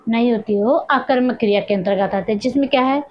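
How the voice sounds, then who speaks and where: A woman teaching a grammar lesson, repeating each point and asking questions as she dictates the examples slowly. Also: fairly high pitch, lo-fi sound.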